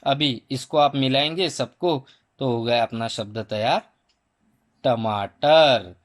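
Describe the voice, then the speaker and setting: A man teaching a primary school Hindi lesson, slowly sounding out each letter and vowel sound for children. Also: medium pitch. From India. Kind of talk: slow spelling lesson for children.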